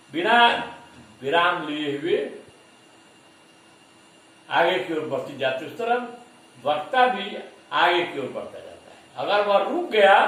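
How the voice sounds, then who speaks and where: A man giving a classroom lecture to teacher trainees, speaking deliberately and repeating example words to stress them. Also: fairly high pitch, fairly bright tone. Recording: echoey room, voice far from mic.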